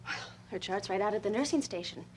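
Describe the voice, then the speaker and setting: A woman's voice: mid-range voice, expressive, fast talker, lightly acted, low-quality recording. An actress playing a worried woman protecting her sister in a daytime soap, speaking anxiously and pleadingly. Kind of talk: daytime soap opera acting.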